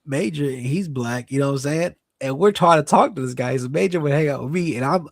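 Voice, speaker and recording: A man's voice: fairly high pitch, fairly quick, dry recording, studio quality. A young man co-hosting a casual late-night podcast, telling stories in a loose, slangy way. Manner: animated, slangy storyteller. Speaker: podcast co-host.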